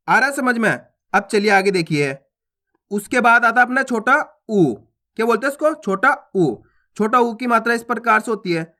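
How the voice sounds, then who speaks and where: Brief: male Hindi tutor, high and bright, patient explainer who repeats sounds and checks understanding. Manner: patient, repeats each sound and asks questions. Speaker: Hindi teacher. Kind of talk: explaining a spelling lesson.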